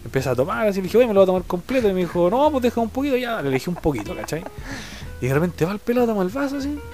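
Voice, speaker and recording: A man's voice: high voice, rapid-fire, music in the background. A man in his twenties with a Chilean Spanish accent, casually telling a story and acting out the other people's voices. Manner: animated, acts out other voices and sounds.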